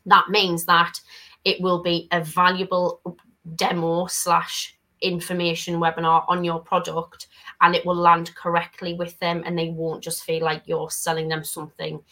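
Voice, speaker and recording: Bright, even-toned woman giving advice. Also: lowish voice, normal speed, poor audio. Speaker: panelist. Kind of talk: casual panel discussion.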